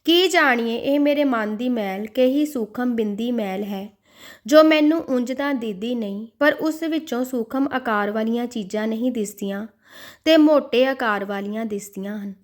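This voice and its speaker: A woman's voice: a little high, moderate pace, close to an everyday voice. A woman voicing a devout man who pleads with and scolds his own restless mind in an inner monologue. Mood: lamenting.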